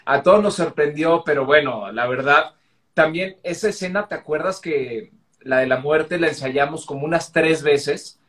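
A man's voice: a little high, moderate pace, a bit bright. Emotional man chatting on a live stream. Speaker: actor. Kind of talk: casual live-stream chat. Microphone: phone on a live video stream.

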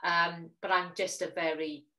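Woman, forties, South Wales Valleys accent, low voice, flat intonation, measured interview guest. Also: poor audio. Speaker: magazine editor, guest. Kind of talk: casual interview chat.

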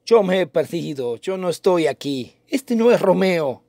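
A man's voice: high-pitched, animated, unhurried, gravelly, darkish tone, dry recording, clean studio sound, voice pushed up, exaggerated voice. A man reading the part of a brooding, poetic young nobleman in a dramatic reading of a play, in a theatrical, declaiming manner. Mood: lovesick.

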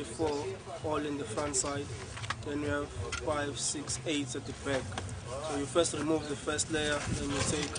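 A man explaining sampling step by step at an outdoor field site. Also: fairly high pitch. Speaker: field researcher.

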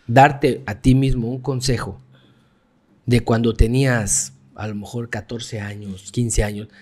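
A man hosting a podcast interview, asking questions softly and backing his guest up. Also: medium pitch, fairly even intonation, measured pace. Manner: soft-spoken, supportive backchannels. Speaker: podcast host.

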